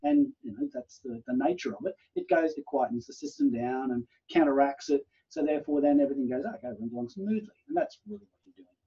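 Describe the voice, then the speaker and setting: A male university lecturer talks through an online class, rambling and chatty, acting out little quoted exchanges. His voice is dark and a little husky, swinging widely in pitch. The video-call audio sounds dull and muffled. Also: big pitch swings, quick pace. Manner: rambling, chatty explaining with many fillers and acted-out quotes. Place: home room, video call. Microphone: computer microphone on a video call.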